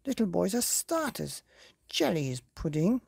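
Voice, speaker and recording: A woman's voice: fairly low pitch, very animated, moderate pace, vocal fry, darkish tone, breathy edge, no room sound, studio quality, voice pushed up, exaggerated voice. A woman voicing a spiteful female wicked fairy in a storybook, scornful and name-calling. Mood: scolding.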